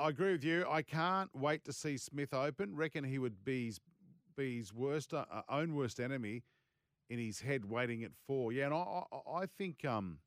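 A man's voice: mid-range voice, no room sound, clean studio sound. A man with an Australian accent hosting casual sports talk. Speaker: sports radio host.

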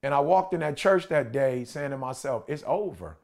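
A man's voice: medium pitch, normal speed, creaky, darkish tone. An American man in his forties telling personal stories in a casual chat, with an emphatic, slangy, repetitive delivery of a preacher and motivational speaker. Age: 40s. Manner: emphatic, repetitive, slangy, often checking the listener follows. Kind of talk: animated personal storytelling in a casual podcast chat.

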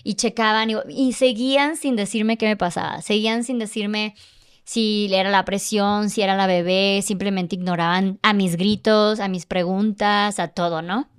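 Smooth-voiced woman recounting emotionally. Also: medium pitch, fairly even intonation, normal speed. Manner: emotional, vivid retelling with acted-out dialogue. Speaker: podcast guest. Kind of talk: casual conversational storytelling.

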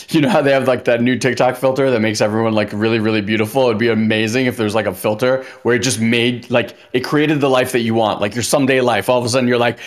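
A man's voice: medium pitch, fairly even intonation, fast. Man, podcast host, casual chatty talk, lots of "like", acts out quotes.

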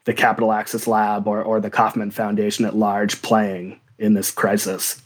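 A man hosting an interview, asking questions in a calm, even way. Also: lowish voice, moderate pace.

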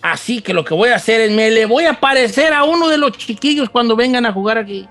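A man voicing a grumpy, scarlet, toad-faced male demon in a low, muttering, menacing voice. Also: animated, quick pace, a bit bright, faint music behind. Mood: scheming.

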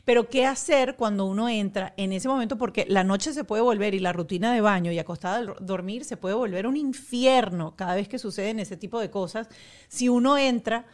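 A woman, chatting casually as a podcast host and telling family stories with lively, animated emphasis. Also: medium pitch, brisk. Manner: animated storytelling, acts out her own exasperation. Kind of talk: casual chat.

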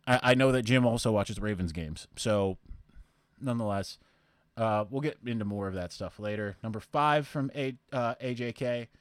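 A young podcast host with a mid-range, clean voice at normal speed casually tackles listener questions, rambling along with fillers and restarts. There's no room sound at all.

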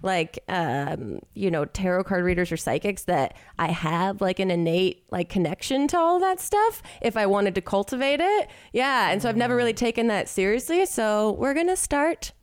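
A woman's voice: medium pitch, animated, moderate pace, few pauses, clean tone, no echo, studio quality. A young woman co-hosting a podcast, chatting casually with many likes and ums. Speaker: podcast co-host. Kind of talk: casual chat.

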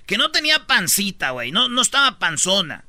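A man hosts a comedy radio show, telling stories in a slangy, joking way. His voice is high and very bright. The studio sound is dry, with faint music underneath. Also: a little fast, dry recording. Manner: slangy, joking, animated storytelling. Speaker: radio host. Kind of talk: comedic radio news banter.

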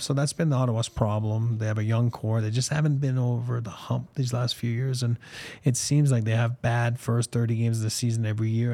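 A former hockey player co-hosts an informal sports show with ad reads, speaking in a French accent tinged with Boston, since French is his native language. His medium-pitched, darkish voice rambles along with frequent ums and "you know", and there's no echo on the recording.

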